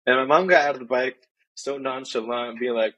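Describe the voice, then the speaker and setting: A man's voice: mid-range voice, brisk, bright, forceful tone, low-quality recording. A young man from Tijuana and San Diego, chatting casually as a podcast guest, rambling with many restarts. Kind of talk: casual chat.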